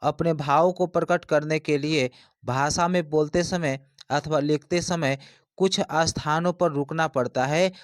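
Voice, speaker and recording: A man's voice: on the high side, fairly even intonation, a little slow, no echo. A man teaching an exam-prep lesson, explaining step by step and repeating his points.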